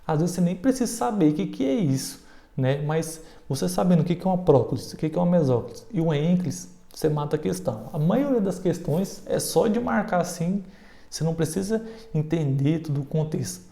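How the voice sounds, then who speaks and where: A man's voice: a little high, animated, a little fast, gravelly, dark tone, roomy sound. A Brazilian man giving a casual, informal exam-prep lesson who keeps checking in with his listeners. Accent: Brazilian Portuguese. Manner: informal, self-deprecating, checks in with "né?" and "tá?".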